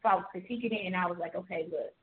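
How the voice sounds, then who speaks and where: A woman's voice: lowish voice, very fast, a little hiss or hum. A woman from Jamaica talking earnestly in casual conversation, telling stories from her life. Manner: earnest, storytelling, fillers like "like" and "you know". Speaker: author and guest. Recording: tinny phone-like audio.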